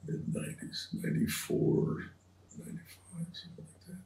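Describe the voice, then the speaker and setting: An older American man from California reminisces casually as an interview guest, in a halting, rambling way. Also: warm tone. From California Bay Area, USA. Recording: roomy, distant computer-speaker pickup.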